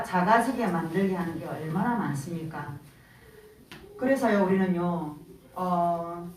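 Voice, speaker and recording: A woman's voice: medium pitch, a little hiss or hum. Woman preaching from far in a roomy church. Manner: earnest, storytelling, animated quoting of family. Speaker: church speaker. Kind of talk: sermon with family stories. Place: church sanctuary. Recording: roomy church sound from far off, faint ambience.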